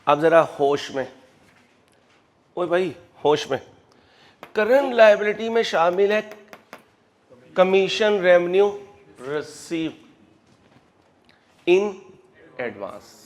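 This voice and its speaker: A man with a Pakistani Urdu accent giving an animated accounting lecture, calling students "beta" and acting out their objections. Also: sits high, extremely slow, pauses often. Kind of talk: classroom lecture.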